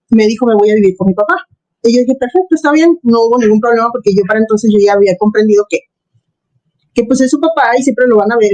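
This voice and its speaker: A woman's voice: on the high side, a little mellow, poor audio. A middle-aged woman tells her personal story as an interview guest, earnest, with many fillers and acted-out quotes. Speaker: interview guest, former Jehovah's Witness. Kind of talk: personal testimony, casual storytelling.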